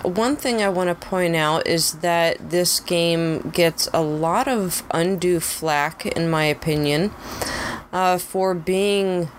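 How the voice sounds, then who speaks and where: Woman cohost on a game review podcast, talks real slow and careful, lowish voice. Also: slight background noise. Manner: measured, deliberate, makes pointed arguments. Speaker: podcast co-host. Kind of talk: casual podcast chat.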